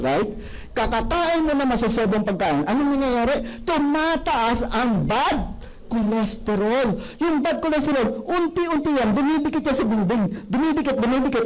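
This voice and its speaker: A man giving a sales seminar, animated and often asking the audience questions. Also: extremely high pitch, low-quality recording. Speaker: product presenter.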